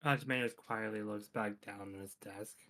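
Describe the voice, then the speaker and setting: A man's voice: fairly low pitch, steady tone, normal speed, creaky, pushed and bright. A man playing a tabletop roleplaying game, chatting casually and narrating his character.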